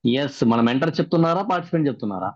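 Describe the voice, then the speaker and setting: A man's voice: mid-range voice, animated, racing, no room sound. A man, the trainer of a workshop, recaps the sessions and keeps putting questions to the participants over a video call. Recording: dry, muffled video-call audio.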